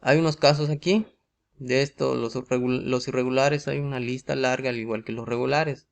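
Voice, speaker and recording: A man's voice: mid-range voice, fairly even intonation, moderate pace, vocal fry. A man with a Mexican Spanish accent explaining English grammar rules in a video lesson, asking himself questions and checking in with "¿sí?" all the time. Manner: asks rhetorical questions, often adds a tag "¿sí?". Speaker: English teacher.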